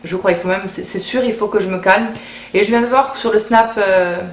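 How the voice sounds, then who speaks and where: A woman's voice: medium pitch, brisk. A woman chatting casually through a beauty haul video, often repeating words as she thinks aloud. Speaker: beauty vlogger. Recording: roomy echo, faint background hiss.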